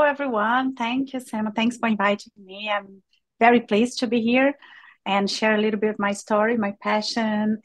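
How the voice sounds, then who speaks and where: A woman from Brazil, a native Portuguese speaker with a Brazilian accent, telling her story as an interview guest in a halting way full of fillers. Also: mid-range voice. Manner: halting, with many fillers and restarts. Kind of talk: conversational interview.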